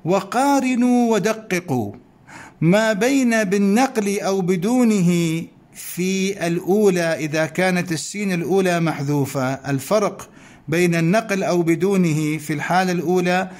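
High-voiced man teaching a lesson. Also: a little mellow. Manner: slow, repeats points, asks questions of listeners. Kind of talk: recorded grammar lesson.

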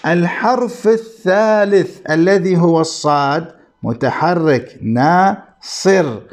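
A male grammar teacher with a somewhat high voice lectures at an unhurried pace. He spells out each point deliberately and repeats terms for his class. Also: a little mellow. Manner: slow, deliberate explaining with repetition, addressing students.

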